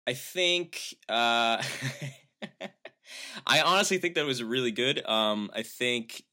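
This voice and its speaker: A man's voice: mid-range voice, expressive, slow pace, pushed and bright. A man co-hosting a comedy podcast, rambling and hesitant with frequent laughs. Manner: rambling, many fillers, laughs while talking. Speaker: podcast co-host. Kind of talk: casual comedy chat.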